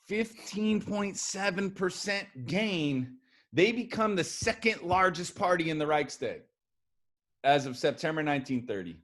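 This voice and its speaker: A man teaching a history lesson in a relaxed, chatty way, acting out what historical figures said. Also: high-pitched, a little slow. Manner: animated, acts out quotes of historical figures. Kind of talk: casual classroom lecture.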